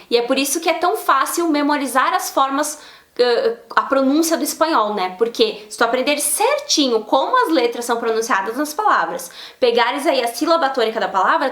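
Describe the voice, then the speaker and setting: A woman, explaining pronunciation in a lively, casual video lesson and demonstrating sounds as she goes. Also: high-pitched, reverberant. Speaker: Spanish teacher.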